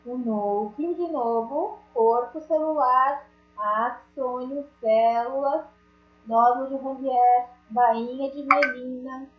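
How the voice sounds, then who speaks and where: Her voice is high-pitched and reaches us through a dull, lo-fi call with roomy echo. She's teaching an online class, chatty and full of little jokes, talking directly to her students.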